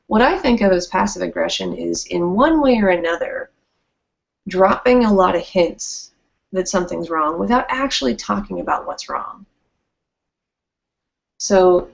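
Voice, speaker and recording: A woman's voice: mid-range voice, vocal fry. A woman speaker giving a talk about handling conflict at work, conversational and illustrating points with acted quotes. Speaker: workshop speaker. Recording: dull lo-fi recording.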